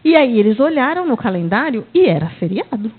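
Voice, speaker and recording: A woman's voice: a little high, very animated, a little fast, slightly rough. A middle-aged woman with a Brazilian Portuguese accent, giving a university talk and telling classroom stories. She tells them expressively and acts out the quoted dialogue. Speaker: university lecturer. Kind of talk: academic talk with classroom anecdotes. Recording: tinny phone-like audio.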